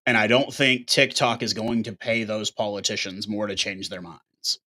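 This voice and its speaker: A man's voice: lowish voice, little pitch movement, moderate pace, sharp tone. A man hosting his own show, talking bluntly in a casual, ranting monologue with occasional swearing. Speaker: show host.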